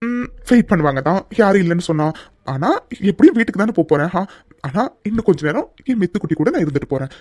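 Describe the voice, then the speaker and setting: A fast-talking protective young lover in a cartoon, pleading, dry close sound. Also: male voice, sits high, lively intonation, a little mellow, no echo. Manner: pleading and insistent, speaks fast. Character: devoted, protective young man, fiery in love. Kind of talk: cartoon dub dialogue.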